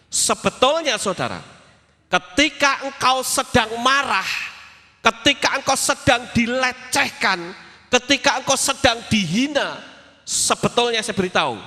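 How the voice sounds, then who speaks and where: A man preaching a sermon as pastor, telling stories in an animated way and acting out voices and sounds. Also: high voice, long reverb tail.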